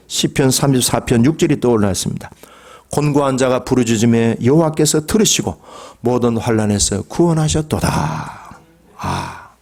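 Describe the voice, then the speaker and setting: A middle-aged man preaching a Sunday sermon as pastor, dropping to quiet asides and rising to emphatic calls, often asking the congregation questions. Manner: swings between low quiet asides and raised emphatic calls.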